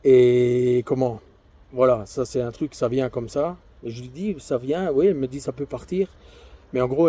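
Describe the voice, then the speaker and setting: Chatty middle-aged man with a mellow voice. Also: mid-range voice. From Belgium. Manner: chatty, rambling storyteller who laughs often. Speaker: vlogger sharing his cancer treatment diary. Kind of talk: casual chat.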